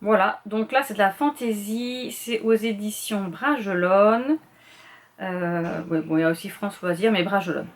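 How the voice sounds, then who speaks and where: A middle-aged woman talks casually about the books she plans to read. She speaks quickly and rambles, dropping fillers and correcting herself as she goes. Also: medium pitch. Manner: chatty, rambling with many fillers and self-corrections; quick talker, admits speaking too fast. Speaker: booktuber presenting a reading challenge list. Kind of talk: casual chat.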